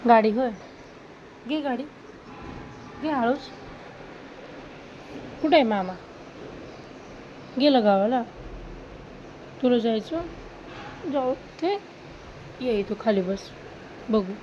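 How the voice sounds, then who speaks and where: A woman gently coaxing and questioning a small child at home. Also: fairly high pitch, expressive, takes it slowly, long pauses, highs cut off, a little hiss or hum. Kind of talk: talking softly to a small child.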